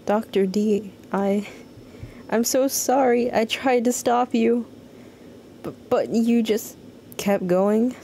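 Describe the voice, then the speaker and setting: Timid, stammering young video game character, worried, higher-pitched, performed by a female streamer. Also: takes it slowly, gravelly, long pauses, mellow, a little hiss or hum. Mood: sorrowful. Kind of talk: reading game dialogue aloud.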